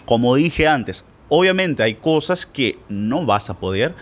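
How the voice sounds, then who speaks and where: A man from Brazil whose first language is Portuguese, giving a casual online Spanish lesson and acting out little scenes as he goes. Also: unhurried. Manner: lively, playful, acts out little scenes with shifting pitch. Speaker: Spanish teacher.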